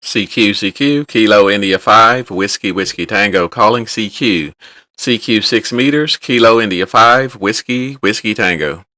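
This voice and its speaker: His fairly low voice calls CQ in an unhurried way, a contesting radio amateur giving his call sign in phonetics. The call is loud, sing-song and repeated, and there's no echo.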